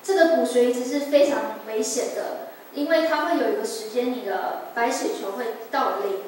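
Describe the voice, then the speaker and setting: A woman's voice: on the high side, moderate pace, darkish tone. A woman in her twenties giving an earnest, emotional personal testimony at a church service. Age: 20s. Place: church sanctuary. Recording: echoey church hall, distant mic, faint noise.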